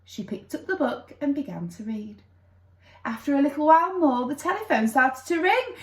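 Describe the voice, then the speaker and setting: A woman with a high, expressive voice reads a children's story at a moderate pace. Her narration is dramatic and playful, complete with sound effects, and the room she's recorded in is echoey.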